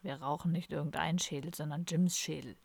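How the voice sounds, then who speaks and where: Woman doing a hushed, gruff old metalhead. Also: deep voice, steady tone, a little fast, no echo, pitched below the performer's own voice, heavily acted. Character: gruff dying older male metalhead drinker.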